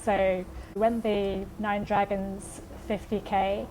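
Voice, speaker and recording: A woman's voice: medium pitch, flat delivery, takes it slowly, warm tone, slight background noise, rough recording. Woman host, mid-range voice. Friendly interviewer who hesitates a little between questions. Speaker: podcast host. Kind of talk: casual interview.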